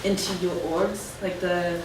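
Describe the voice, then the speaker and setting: Speaking a little slowly in a fairly low, level voice, an alumna panelist shares chatty, casual career tips laced with fillers. The audio comes from a lecture room, recorded with a distant mic amid echo and background noise.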